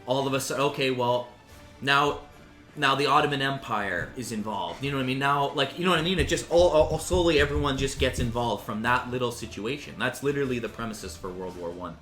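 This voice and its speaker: A man's voice: mid-range voice, fairly quick, fairly bright tone. A man giving casual, rambling commentary on a game, swearing freely and restarting his sentences. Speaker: gaming commentator. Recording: roomy sound with faint music.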